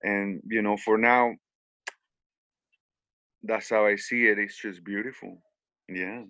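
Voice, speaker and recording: A man's voice: fairly low pitch, steady tone, takes it slowly, sharp tone, no room sound, dull audio. A man from Mexico with a Mexican Spanish accent, speaking English as a second language, telling his story in an interview with many restarts and repeated words. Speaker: hat maker.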